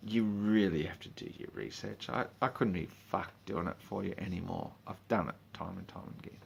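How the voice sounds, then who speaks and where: A man in a drunken, rambling, sweary rant, speaking informally and haltingly, with emphatic bursts and muttered asides. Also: sits low, gravelly, a little hiss or hum. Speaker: monologue speaker.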